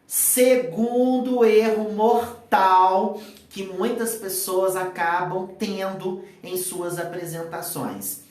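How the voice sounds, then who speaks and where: A man's voice: sits high, fairly even intonation, slow pace, darkish tone. A Brazilian man with a Brazilian Portuguese accent who mentors public speaking, hosting a live chat and drawing out key words for emphasis. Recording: very echoey room, far from the mic.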